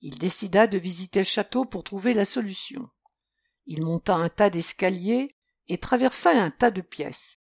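A woman reading a children's story aloud, expressive and measured. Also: mid-range voice, vocal fry, husky, dry recording, clean studio sound.

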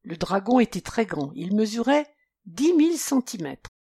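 A woman reading a children's story aloud, expressive and measured. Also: medium pitch, slightly rough, no echo.

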